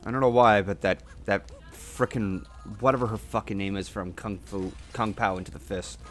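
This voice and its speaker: A man doing casual gameplay commentary as a streamer, excitable and foul-mouthed. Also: lowish voice, normal speed. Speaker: game streamer. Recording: game music behind. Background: video game music.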